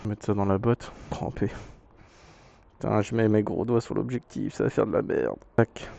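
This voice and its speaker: A man's voice: lowish voice, steady tone, normal speed, creaky. A young man, a moto vlogger, riding outdoors and chatting casually to himself, slangy, joking and swearing a lot. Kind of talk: casual vlog commentary while riding. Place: outdoors on a motorbike in traffic. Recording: muffled helmet mic with loud wind and traffic noise.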